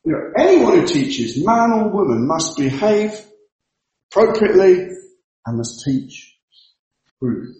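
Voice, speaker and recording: A man's voice: sits high, very animated, slow pace, pauses often, warm tone, dull audio. A male pastor giving a sermon in a church, explaining things emphatically and repeating his key points. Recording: very echoey church hall.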